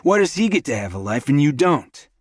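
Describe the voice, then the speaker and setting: A man's voice: a little high, very animated, brisk, breathy edge, no room sound, voice pushed up. A man voicing an angry, protective older brother in an audiobook, snapping and cursing. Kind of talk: audiobook character voice.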